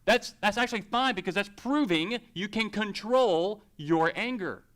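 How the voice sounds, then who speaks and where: A middle-aged man preaching a sermon in a conversational way, reading scripture slowly and acting out everyday scenes. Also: high-pitched, lively intonation, a bit bright.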